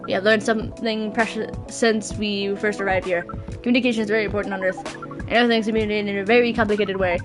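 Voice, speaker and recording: A woman's voice: medium pitch, fairly even intonation, fast talker, music in the background. A woman streamer voicing a formal alien visitor in a put-on robot voice while reading game dialogue. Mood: stiff formal. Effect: robot voice, put on by mouth.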